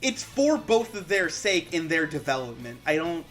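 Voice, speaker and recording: A woman's voice: low voice, sing-song, faint music behind. Woman leading a casual debate. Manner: brisk, moves things along.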